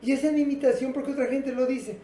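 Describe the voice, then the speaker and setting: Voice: high voice, steady tone, quick pace, warm tone, slight background noise. A teacher giving a patient lesson and asking the class rhetorical questions. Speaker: English teacher. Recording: roomy, from a distance.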